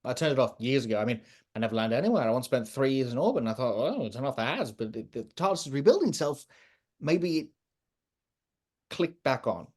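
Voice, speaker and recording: A woman doing the Doctor, low and husky. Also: big pitch swings, darkish tone, full character voice. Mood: uneasy rambling. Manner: quick rambling explanations, trailing off. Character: eccentric male alien time traveller, rattled. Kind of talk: fan audio drama.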